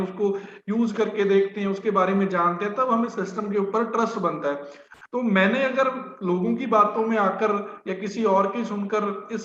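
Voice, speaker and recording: High-voiced man giving a business training talk. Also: a bit bright. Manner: conversational, many fillers of "जी" and "है ना". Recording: roomy, dull lo-fi sound.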